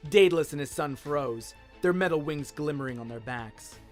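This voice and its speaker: Set against music and sound effects, a male narrator performs a scripted tale in audio-drama fashion. He speaks at a moderate pace in a slightly high voice.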